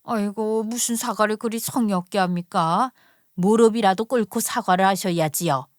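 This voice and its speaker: A woman voicing a spiteful older mother-in-law who scolds in a shrill, contemptuous way. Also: moderate pace, no echo, studio quality, natural voice. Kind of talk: storytelling radio narration.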